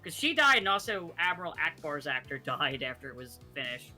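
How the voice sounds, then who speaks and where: A man's voice: fairly high pitch, very animated, brisk, pushed and bright, faint music behind. A man chatting casually as a fellow player, opinionated and sweary, often stumbling over his starts. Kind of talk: casual gameplay chat.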